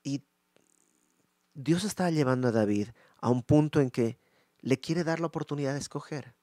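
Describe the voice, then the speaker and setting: A man's voice: medium pitch, normal speed, dry recording. Male preacher, dry close sound. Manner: lively, conversational, acts out scenes. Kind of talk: Bible teaching sermon.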